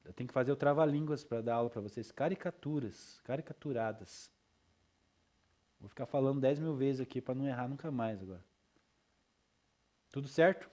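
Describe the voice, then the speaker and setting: A man's voice: mid-range voice, fast talker, a little mellow. A male teacher lecturing his class in a loose, chatty way, with frequent tag questions and checks for understanding.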